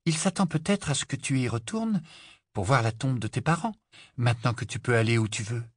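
A man's voice: mid-range voice, animated, fairly quick, no room sound, clean studio sound, close to an everyday voice. A man voicing an anxious, studious teenage girl witch who stammers and pleads. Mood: earnest.

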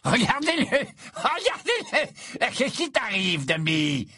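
A sneering, crooked-faced henchman, as voiced by a male audiobook reader. He cackles and taunts in a voice pitched well above the reader's own. The delivery is breathy and dry. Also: huge pitch swings, takes it slowly, pushed and bright, no echo, exaggerated voice. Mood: mocking. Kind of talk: audiobook character voice.

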